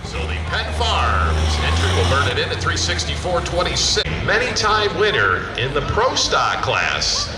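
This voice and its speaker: Lively male pulling commentator, echoey PA. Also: on the high side, measured pace, heavy background noise. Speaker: tractor pull commentator. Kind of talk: explanatory motorsport commentary. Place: outdoor truck pulling track. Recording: distant echoey PA under loud music. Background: loud music, vehicles.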